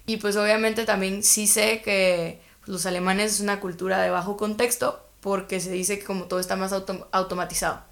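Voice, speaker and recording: A woman's voice: mid-range voice, little pitch movement, brisk, vocal fry, hardly any pauses. A young woman from Guatemala, a podcast guest telling stories in a rambling, chatty way full of filler words. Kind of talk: casual interview chat.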